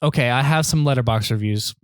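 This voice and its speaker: A man's voice: medium pitch, fast, clean tone, no echo. A young man hosting a podcast, chatting casually and profanely and reading out reviews. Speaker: podcast host. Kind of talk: casual chat.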